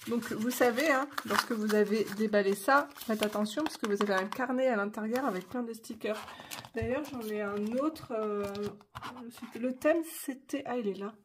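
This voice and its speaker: A woman's voice: on the high side, moderate pace, noisy background. A middle-aged woman from France chatting casually in a craft vlog, rambling with many fillers and swallowing her syllables. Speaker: craft vlogger.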